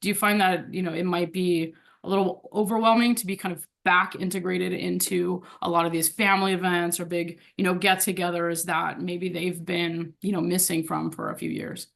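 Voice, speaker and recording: Woman asking follow-ups, lower voice, some fry. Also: flat delivery, moderate pace, few pauses. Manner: inquisitive, conversational.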